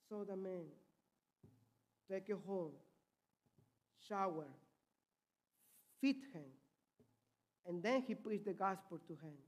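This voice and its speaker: Peruvian missionary preacher, high-pitched, fervent, Spanish-accented English. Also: male voice. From Peru. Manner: impassioned, loud swings in volume. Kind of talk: sermon.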